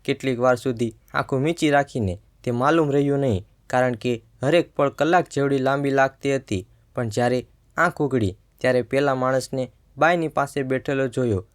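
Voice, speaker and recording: Male storyteller with a mid-pitched voice. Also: normal speed. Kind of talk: first-person story narration.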